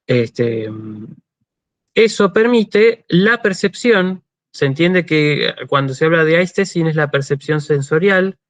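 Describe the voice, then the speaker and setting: A man with an Argentine accent delivers a university lecture by video call, his voice slightly high and the recording dry. He explains things patiently, often checking in with listeners using "¿sí?" and filling pauses with "este."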